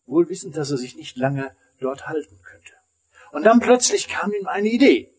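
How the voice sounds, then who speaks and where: A man preaching a sermon as pastor, emphatic, rising high and then falling almost silent. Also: lively intonation, normal speed, slightly rough.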